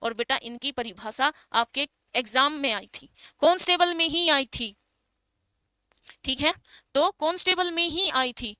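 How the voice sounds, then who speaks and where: A woman's voice: sits high, a little slow, bright, forceful tone, dry recording, studio quality. A woman teaching an exam-prep class, explaining with rhetorical questions and calling her students beta and bhai. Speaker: Hindi teacher.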